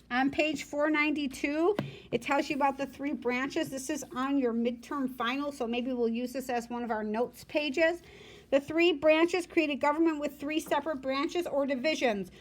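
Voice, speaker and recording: A woman teacher reading a textbook aloud to her class and explaining it in plain, simple words as she goes. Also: sits high. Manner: explanatory, breaks down points for students in plain words. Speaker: school teacher.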